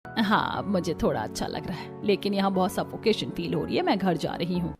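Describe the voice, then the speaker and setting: Woman voicing a tired cartoon mom-in-law, soft and quiet, talks kinda weary. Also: lowish voice, animated, brisk, over music. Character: modern working mother-in-law, tired and uneasy.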